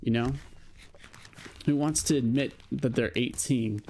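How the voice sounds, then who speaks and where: Speaking at a measured pace in a medium-pitched, dark voice, a young vlogger in his late teens rambles reflectively to camera with plenty of fillers and "you know." There's a little hiss or hum.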